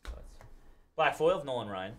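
Animated man calling out sports cards. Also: medium pitch, a little fast. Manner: reads out cards and thanks buyers by name. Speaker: card break host. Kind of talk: live card break commentary. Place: studio with card table.

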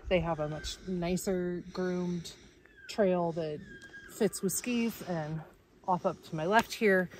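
A woman's voice: fairly low pitch, a little hiss or hum. A young woman giving practical, friendly advice on a snowy outdoor trail. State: a little out of breath from hiking. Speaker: outdoor vlogger. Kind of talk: casual outdoor explainer. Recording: music playing underneath.

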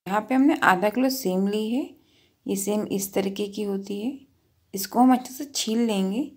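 A woman's voice: mid-range voice, moderate pace, darkish tone, faint music behind. A woman hosting a cooking channel, patiently talking through each step of a recipe in a voice-over with practical tips.

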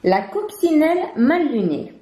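A woman reading a children's picture book aloud, clear and expressive. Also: high-pitched, a little slow. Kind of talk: storybook read-aloud for children. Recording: roomy with background music.

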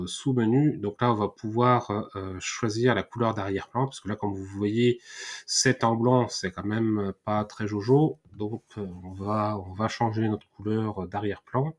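Male tutorial host, lower pitch, hesitant thinking-aloud delivery, keyboard clicks in background. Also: darkish tone. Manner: hesitant, many fillers and restarts, thinking aloud. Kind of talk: screen-recorded software tutorial. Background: mouse clicks and typing.

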